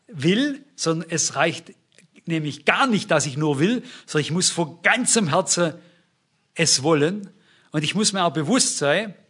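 High-voiced preacher. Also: male voice, fairly bright tone, breathy edge. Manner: emphatic, asks the congregation questions. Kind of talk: sermon.

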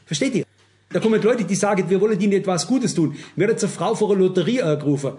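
Older man, high voice, earnest warning sermon, repeats himself for emphasis. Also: expressive, fast, dark tone. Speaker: preacher.

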